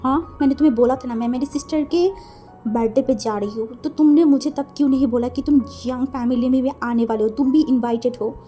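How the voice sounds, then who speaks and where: A woman's voice: sits high, brisk, dark tone, faint music behind, close to an everyday voice. A woman voicing a flustered young man who sputters out indignant questions as he tells someone off.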